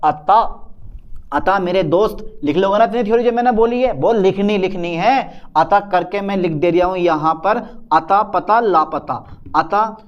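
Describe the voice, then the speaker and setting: A male chemistry teacher giving a casual, lively lecture and playing both teacher and questioning student in a back-and-forth. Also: sits high, normal speed, lo-fi sound. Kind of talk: casual Hindi classroom lecture.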